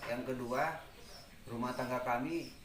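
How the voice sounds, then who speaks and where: A man's voice: medium pitch, fairly even intonation, unhurried. A man in his forties telling an interviewer about his own experiences in an earnest storytelling manner. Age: 40s. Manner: earnest storytelling, acts out quoted dialogue. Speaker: interview guest. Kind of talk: recounting personal experiences. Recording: echoey, far from mic, noisy.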